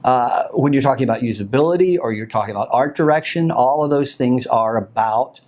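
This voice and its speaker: A man talking as a creative director on a podcast, earnest and explanatory when he gets into his work, with dry humor around it. His voice sits at an ordinary middle pitch. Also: a little fast, a little mellow. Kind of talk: casual podcast chat.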